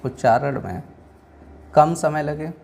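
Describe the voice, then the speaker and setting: Gravelly Hindi-accented male teacher. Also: on the high side, takes it slowly, darkish tone. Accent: Hindi from northern India. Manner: repetitive, quizzing listeners with rhetorical questions. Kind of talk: classroom lecture.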